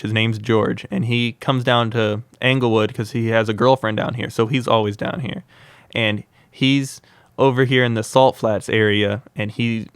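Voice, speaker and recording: A young wildlife creator, guesting on a podcast, spins wild tales in a casual, animated way full of "like" fillers. His mid-range voice comes across clear and resonant, with no room sound.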